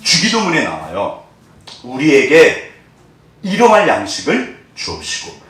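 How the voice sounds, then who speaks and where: A man's voice: a little high, wildly swooping pitch, unhurried, a bit bright. A male pastor preaching a sermon, keeps questioning the congregation and acting out the lines he quotes. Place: church sanctuary. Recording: echoey church hall from far off.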